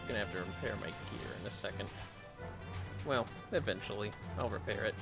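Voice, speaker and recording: Creaky-voiced man casually streaming a game. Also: fairly low pitch, fairly quick. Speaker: livestream host playing a video game. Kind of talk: casual live game commentary. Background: game music.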